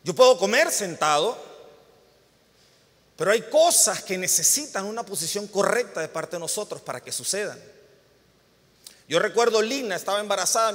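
A man in his thirties preaching a sermon, telling a family story with lively, animated delivery and sudden loud bursts. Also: high voice, in a large hall. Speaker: pastor. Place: church hall.

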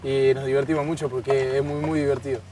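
A man in his thirties with a Rioplatense Spanish accent, a guest footballer chatting casually in an outdoor garden bar, relaxed and repeating his words. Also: medium pitch, quick pace, a little hiss or hum. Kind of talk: casual interview chat. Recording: distant outdoor pickup, faint ambience.

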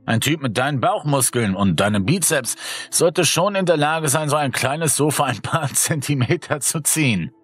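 A man's voice: low voice, animated, normal speed, fairly bright tone, breathy edge, heavily acted. A man voicing a nervous teenage boy who hesitates and stammers. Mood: anxious. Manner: hesitant, stammering, many fillers.

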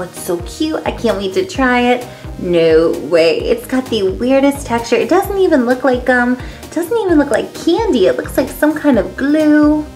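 Woman host, casual and cutesy candy review; lively, swooping delivery, slightly high. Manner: gushing, animated, cutesy. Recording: faint background music.

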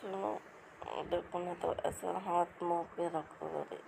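A woman's voice: on the low side, fairly even intonation, takes it slowly, creaky, background noise. A woman giving a comic voice-over to pet clips, scolding and coaxing the animals in a playful way. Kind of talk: comic voice-over talking to pets.

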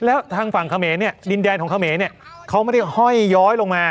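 A male news anchor giving emphatic, animated commentary. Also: sits high, fast.

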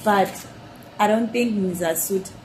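A woman's voice: mid-range voice, a little slow. A young woman with a Southern African accent chatting informally for a casual vlog in a small room. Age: young adult. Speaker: vlogger. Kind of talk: casual vlog chat, mixing in Bantu-language words. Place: small hotel room, indoors. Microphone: phone at arm's length. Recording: noisy handheld phone recording.

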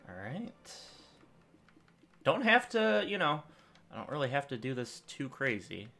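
This young man speaks a little slowly, his medium-pitched voice creaky, over soft background music. Recording at a desk in a small room at home, he rambles and thinks aloud while playing for his gaming channel, with lively swings in volume.

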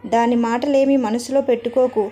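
A woman voicing a humble middle-aged mother who apologizes and comforts gently. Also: on the high side, fairly even intonation, normal speed, lightly acted. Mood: pleading.

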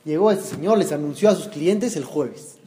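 A man, a rabbi giving an animated storytelling sermon who acts out voices and questions his listeners. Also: fairly high pitch, normal speed. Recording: long hall reverb.

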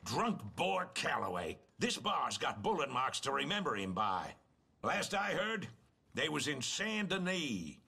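An actor playing a matter-of-fact saloon bartender in a video game. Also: male voice, mid-range voice, wildly swooping pitch, a little slow, vocal fry, pushed and bright, breathy edge, heavily acted. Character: gruff male saloon bartender.

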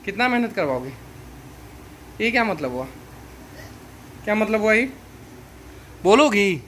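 A man in his thirties talks to a handheld phone in a small room at home. His voice is high and bright, and he pleads in an exasperated way. A faint hum of ambience sits behind him. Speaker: vlogger husband. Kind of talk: casual family vlog talk. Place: small home bedroom, indoors.

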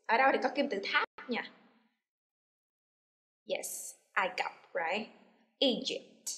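A woman's voice: on the high side, animated, slow. A woman teaching an English lesson to a class, explaining and then saying model words with strong stress for students to repeat. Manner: switches between explaining and loud, stressed model words for repetition. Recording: echoey room.

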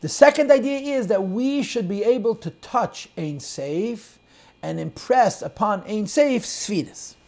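A man teaching a Chassidic text class, explaining in English sprinkled with Hebrew and Yiddish terms and shifting between loud and soft emphasis. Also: sits high, lively intonation, a little slow. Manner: quotes and translates lines of text, swings loud and soft. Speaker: Torah teacher.

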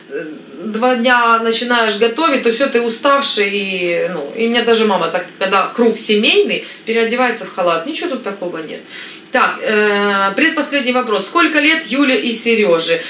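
A woman in her thirties from Ukraine chatting casually to camera in a family vlog, lively and talkative. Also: a little high, moderate pace, roomy sound, a little hiss or hum. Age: 30s. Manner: chatty, lively, gestures with hands. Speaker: family vlogger. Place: living room with floral curtains, indoors.

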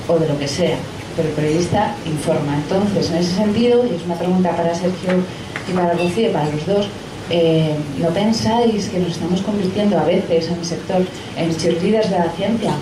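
At a live talk held indoors in a pub event room, a woman from the audience, a science journalist with a Spain Spanish accent, makes a comment and asks a question. Her voice sits on the low side and is picked up from a distance in an echoey room with clear background noise.

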